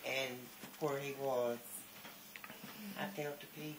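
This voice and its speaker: An older man talking reflectively and casually, halting and repeating his words. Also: mid-range voice, little pitch movement. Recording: echoey room, faint background noise.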